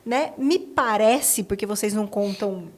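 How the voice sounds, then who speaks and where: With a medium-pitched voice and a slightly slow delivery, a Brazilian woman hosts a conversational podcast interview. She speaks emphatically and colloquially, frequently checking for agreement.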